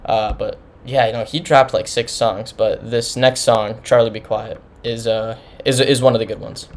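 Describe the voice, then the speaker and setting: A man in the middle of his pitch range talks through an album review in a loose, casual way. He rambles and often restarts his sentences. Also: fairly even intonation, moderate pace. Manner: rambling, informal, many restarts. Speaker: music reviewer.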